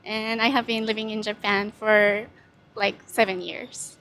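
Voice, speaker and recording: A woman's voice: medium pitch, level tone, a little slow, a bit bright, slight background noise. A woman in her late twenties from Colombia, chatting casually about her life in an interview.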